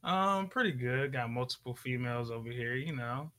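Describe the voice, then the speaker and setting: A man's voice: medium pitch, lively intonation, moderate pace, fairly bright tone. A young man guesting on a casual podcast, talking with joking, boastful swagger. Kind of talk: casual chat.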